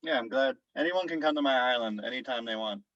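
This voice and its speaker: A man's voice: mid-range voice, fast talker, a crowd in the background. A man hosting a podcast in casual chat, joking and rambling with restarts. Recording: dull, dry lo-fi sound.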